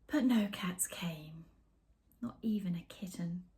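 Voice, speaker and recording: In a small indoor room lined with bookshelves, a middle-aged woman with a fairly low-pitched voice reads a picture book to children. She's animated and expressive, pausing dramatically, slipping into hushed whispers and making chatty asides to her young viewers.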